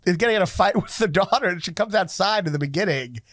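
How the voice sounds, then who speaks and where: A man with a high voice that leaps all over the place, ranting in an animated, jokey way and swearing freely. He is hosting a casual podcast chat, and the recording is close and dry. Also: quick pace, dry recording. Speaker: podcast host.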